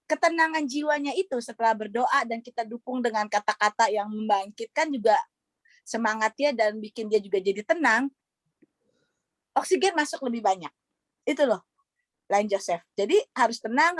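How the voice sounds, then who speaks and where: A woman's voice: fairly high pitch, dry recording. A woman doctor giving an earnest testimony on an online panel over a video call, retelling conversations with many fillers.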